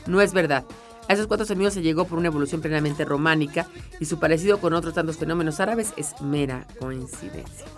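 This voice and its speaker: Lower-pitched woman explaining words. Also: fast, faint music behind. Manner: explanatory, often ends with a questioning "¿no?". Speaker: radio co-host. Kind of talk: casual radio chat on language.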